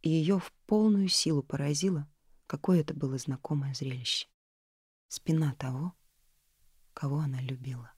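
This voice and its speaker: Fields: woman, calm audiobook narrator, mellow and low. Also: moderate pace, pauses often, breathy edge, no room sound, studio quality. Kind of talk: scripted narration.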